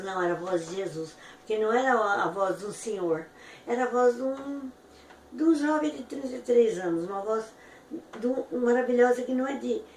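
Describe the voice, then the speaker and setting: A woman giving an emotional, fervent personal testimony, her voice jumping high at the peaks. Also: creaky. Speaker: testimony giver. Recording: echoey room from far off with faint noise.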